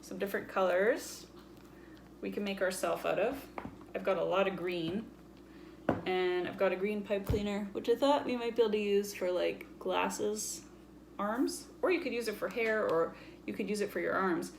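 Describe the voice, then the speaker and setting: In this casual show-and-tell for kids, a woman talks playfully and keeps her explanations simple while presenting items at story time. She speaks at a normal pace in a gravelly, mid-range voice, and a faint hiss or hum sits underneath.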